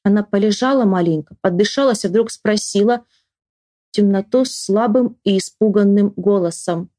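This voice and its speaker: A woman reading a children's story aloud to a child with lively, expressive storytelling, then asking the child about it. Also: mid-range voice, normal speed, no room sound, studio quality. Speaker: reader and teacher.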